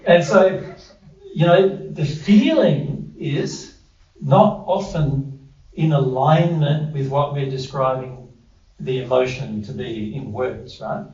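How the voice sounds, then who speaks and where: A man with an Australian accent and a medium-pitched, slightly mellow voice speaks slowly as he gives an informal spiritual teaching talk to a small audience in a living room. He keeps it conversational, repeating the group's answers back to them. The recording is dull and echoey, captured from far off.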